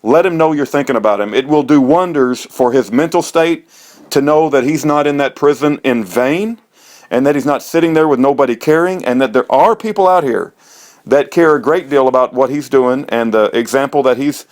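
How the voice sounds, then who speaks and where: Clean studio sound without echo carries his medium-pitched, slightly mellow voice at a normal speed. A middle-aged American host and prisoner-support activist, he rambles informally to viewers, folksy and preacherly, returning to the same phrases again and again.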